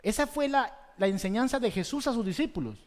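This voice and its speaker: A man preaching a sermon as pastor, swinging between loud exhortation and soft, slow emphasis, with rhetorical questions to the congregation. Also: extremely high pitch, expressive. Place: church hall. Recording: long reverb of a large church hall.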